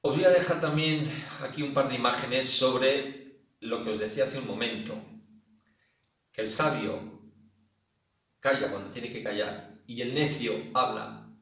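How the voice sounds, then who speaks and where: A man's voice: medium pitch, a little slow, long pauses. A man with an accent from Spain, a senior exercise instructor, talking casually to his class and often repeating himself. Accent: Spanish from Spain. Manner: chatty, repeats himself, acts out loud shouting. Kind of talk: casual spoken talk to an online class. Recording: very echoey room, voice a bit far from the mic.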